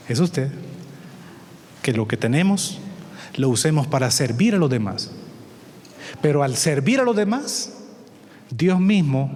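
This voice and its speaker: A man preaching a sermon, telling a story in an animated way and acting out the voices. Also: mid-range voice, long reverb tail, slight background noise.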